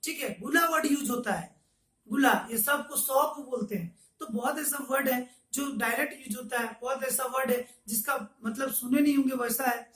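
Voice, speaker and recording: Guy teaching online, high voice, repeats phrases slow, echoey room w mic kinda far off. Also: a bit bright. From Jharkhand, India. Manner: repeats example phrases slowly for pronunciation. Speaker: language teacher. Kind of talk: online lesson.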